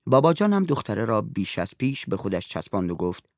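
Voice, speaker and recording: A man narrating a story in an expressive reading voice. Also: lowish voice, dry recording, studio quality.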